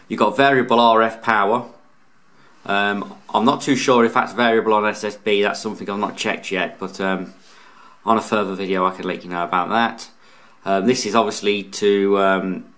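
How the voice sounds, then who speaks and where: A radio hobbyist who hosts a channel talks casually through a hands-on product review, explaining as he goes with some hesitation. He's indoors, off camera beside a tabletop radio. His voice is lowish with a fairly bright tone.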